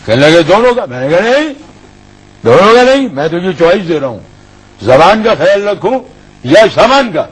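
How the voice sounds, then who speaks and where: An actor playing a swaggering, middle-aged senior customs officer who tells a comic anecdote in character, acting out both sides of the quarrel. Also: male voice, fairly high pitch, very animated, husky, rough recording. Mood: boastful mocking.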